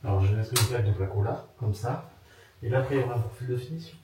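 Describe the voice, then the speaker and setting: A man's voice: medium pitch, expressive, quick pace. Exasperated man working far from the mic. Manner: exasperated, explaining. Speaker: renovator, vlog regular. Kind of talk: casual chat while working. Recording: echoey room, far from the mic, loud noise.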